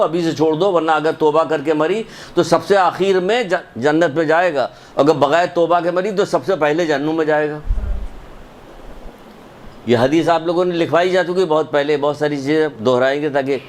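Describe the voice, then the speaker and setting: An emphatic male preacher delivers a sermon that weaves in a story. He repeats his points and presses the listeners with rhetorical questions. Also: fairly high pitch. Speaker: religious lecturer.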